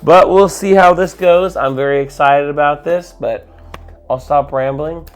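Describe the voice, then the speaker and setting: A man's voice: on the high side, unhurried, faint music behind. A man hosting a casual tech vlog, sick and slightly muffled, talking in a rambling, informal, enthusiastic way. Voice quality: muffled, congested. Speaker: tech video host.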